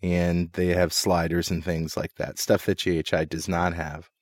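A man with a lowish voice co-hosts a technology talk show, chatting casually and joking between topics. His voice is dry and close, with no room sound around it, and he rambles with plenty of fillers and restarts. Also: flat delivery, moderate pace, dry recording. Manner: jokey storyteller, many fillers and restarts. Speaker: podcast co-host. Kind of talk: casual chat. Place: recording studio.

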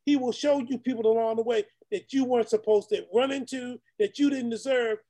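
A man's voice: extremely high pitch, fairly even intonation, fairly quick, dark tone. A man, a deacon, telling a personal testimony to an online meeting in an earnest storytelling way, talking straight to the group.

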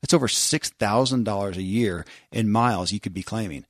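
A man's voice: on the low side, fairly quick, no echo. Earnest male podcast host, dry studio sound. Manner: earnest, emphatic address to listeners. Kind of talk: motivational show hosting with sponsor reads.

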